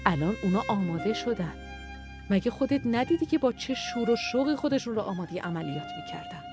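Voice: medium pitch, huge pitch swings, over music, voice pushed up. Storyteller doing a weary male commander, pleading, emotional, audio story, faint violin behind. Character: grieving war commander, man, weary and pleading.

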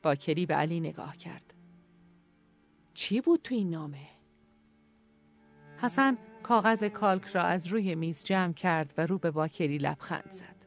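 A calm narrator reading a war story in a measured, steady way. The voice sits at a middling pitch. Faint violin music plays softly underneath.

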